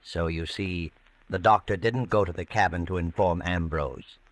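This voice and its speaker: An actor playing a sinister, all-knowing narrator, taunting and theatrical, in a 1940s radio mystery. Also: male voice, deep voice, fairly even intonation, normal speed, natural voice.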